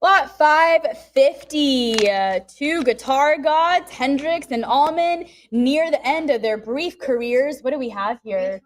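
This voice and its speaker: A woman auctioneer whose voice sits high rattles off live bids in a brisk, repeating chant, coaxing bidders and adding chatty side comments, with slight background noise.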